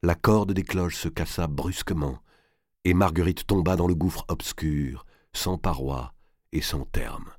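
Deep-voiced man reading a novel aloud. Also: darkish tone, no room sound, studio quality. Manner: measured, dramatic reading. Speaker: narrator. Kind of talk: scripted narration of a historical novel.

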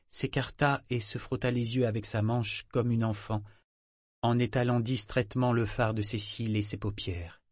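A man narrating an audiobook in a measured, expressive reading. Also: on the low side, no echo, clean studio sound. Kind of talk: scripted narration.

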